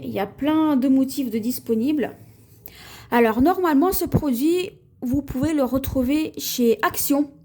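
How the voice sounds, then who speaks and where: A woman with a French accent, chatting slowly through a haul video at home, showing her purchases with many pauses and fillers. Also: sits high, dark tone. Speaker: haul vlogger. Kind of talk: casual haul video, showing items to camera.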